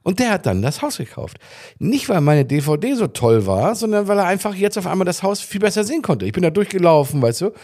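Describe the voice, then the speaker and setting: A middle-aged man chatting casually on a podcast, telling lively stories and acting out other people in quotes. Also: high-pitched, fairly quick. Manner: animated anecdotes, voices others in quotes. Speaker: podcast guest. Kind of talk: casual storytelling chat.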